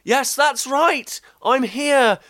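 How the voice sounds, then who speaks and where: A podcast host playing a goofy, excitable male ghost in a comedy sketch, wailing and rambling. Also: very high voice, very slow, no echo, studio quality, full character voice. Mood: giddy. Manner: giddy, wailing woos, rambling.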